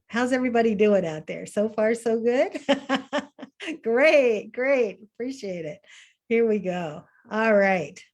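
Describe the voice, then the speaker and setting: A woman's voice: fairly high pitch, expressive, slow pace, darkish tone. A woman teaching an online art class, talking in an upbeat, encouraging way with fillers and restarts over a video call. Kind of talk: webinar lesson.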